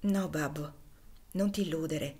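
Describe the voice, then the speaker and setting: A woman's voice: sits low, measured pace, dark tone, husky, voice pushed down. A woman reading as a frail, earnest young girl. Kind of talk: audiobook reading.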